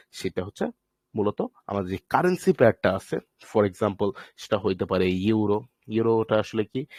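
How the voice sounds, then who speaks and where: A man's voice: mid-range voice, a little mellow, no room sound. A man, from Bangladesh, teaches a trading course in a live online class, explaining patiently, asking and answering his own questions, and mixing in English phrases.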